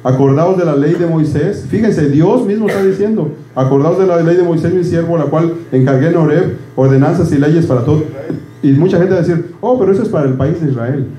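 A middle-aged male pastor, preaching in a very mellow, dark voice pitched a little high. He keeps checking in with the congregation and drops in English words. The room is echoey, with a faint hum behind him. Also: fairly quick. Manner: conversational, asks "¿verdad?" constantly, switches into English words. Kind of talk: sermon.

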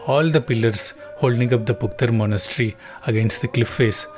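Calm male documentary narrator over music. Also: medium pitch, normal speed. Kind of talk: scripted narration.

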